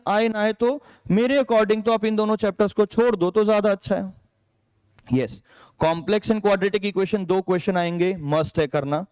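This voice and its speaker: High, clear-voiced Indian maths teacher. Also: male voice, darkish tone. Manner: chatty, checks in with "ठीक है", calls students "बेटा"; mixes English subject terms into Hindi. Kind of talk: exam strategy lesson.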